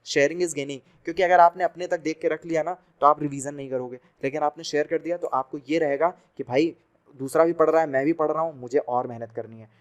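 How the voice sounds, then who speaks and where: A man's voice: fairly high pitch, steady tone, a little fast, clear, resonant tone. A young man giving a chatty video lesson for exam students, repeating sounds aloud to demonstrate them. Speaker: Hindi teacher for exam prep. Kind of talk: classroom-style video lesson.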